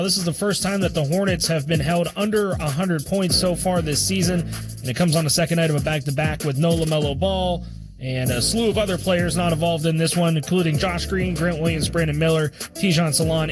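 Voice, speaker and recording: A man hosting a radio post-game show, giving the final score and highlights in a brisk announcer read with sponsor plugs. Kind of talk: scripted sports radio recap. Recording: music bed under the voice.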